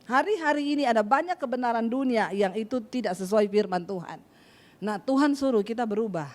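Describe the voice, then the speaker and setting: A woman's voice: mid-range voice, a little mellow. A woman preacher delivering an emphatic sermon to a congregation.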